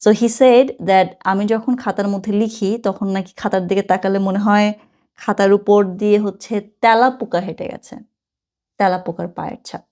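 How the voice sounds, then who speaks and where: A woman from Bangladesh, teaching German in a casual online lesson, sounding chatty and reading example phrases slowly and carefully. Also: mid-range voice, fairly even intonation, a little mellow.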